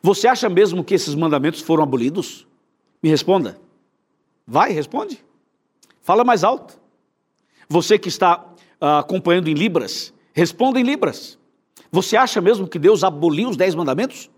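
High-voiced Brazilian pastor preaching emphatically. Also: male voice, animated, moderate pace, pauses often, breathy edge. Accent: Brazilian Portuguese. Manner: emphatic, questioning the viewer directly. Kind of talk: sermon.

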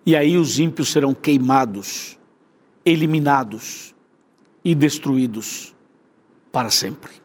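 A man's voice: medium pitch, takes it slowly, pauses often. A man preaching a sermon with a Brazilian Portuguese accent, fervent and built on repetition.

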